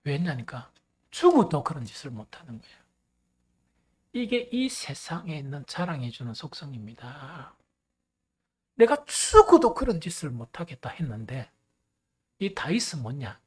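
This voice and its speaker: A male pastor preaching a sermon, animated and swinging between loud and hushed. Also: on the high side, moderate pace, long pauses, slightly rough.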